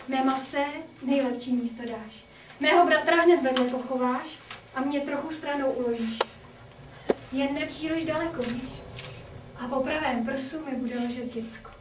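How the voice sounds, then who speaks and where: A high, trembling young woman in a prison cell, half out of her mind with grief, played by an actress, begging in stagey verse, heard through a roomy, distant mic with faint hiss. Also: close to an everyday voice. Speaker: actor in a radio play. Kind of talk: theatrical verse radio drama.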